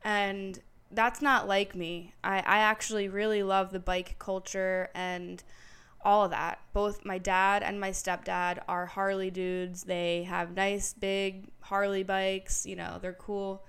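Late-20s woman ranting on her podcast, smooth clear voice, swears a lot, gets loud and worked up. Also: medium pitch, level tone, slow. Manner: candid and profane, retelling with emphatic repetition; grows louder and more heated when recounting the incident. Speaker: podcast host. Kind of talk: casual solo storytelling monologue.

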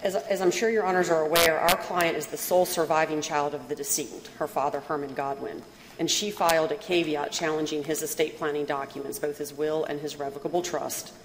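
A woman lawyer making a formal, measured and precise oral argument to judges, with a deferential manner. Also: low-pitched, fairly even intonation. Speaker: appellate lawyer. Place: courtroom. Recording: very echoey hall, faint noise.

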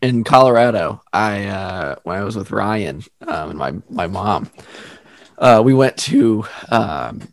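A man's voice: fairly low pitch, slow, no room sound, clean studio sound. A young man co-hosting a podcast, chatting casually and laughing often as he tells stories. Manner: laughs often, animated storytelling. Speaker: podcast co-host. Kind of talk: casual chat.

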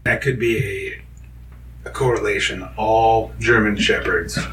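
Joking man with a low voice. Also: steady tone, a bit bright, low-quality recording. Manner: joking, quick quips. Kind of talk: casual chat.

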